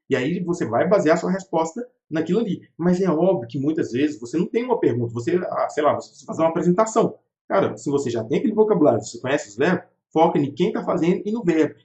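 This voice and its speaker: Man, from Brazil, English teacher, casual online lesson, animated and somewhat high voice, roomy and slightly muffled recording. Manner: lively, repeats "tá?" as a check-in; slows down to model English phrases. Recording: roomy, slightly dull livestream audio.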